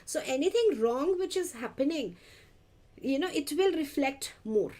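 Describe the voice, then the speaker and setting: A woman's voice: sits high, expressive, a little slow, a little mellow. A woman with a North Indian accent lecturing exam students, switching between Hindi and English, addressing them directly and repeating key points. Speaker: lecturer for dental entrance exam. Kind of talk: interactive exam-review lecture.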